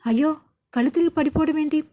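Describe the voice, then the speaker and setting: A woman reading the lines of a reassuring middle-aged husband in a serial retelling, firm and steady. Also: high-pitched, fast talker, close to an everyday voice.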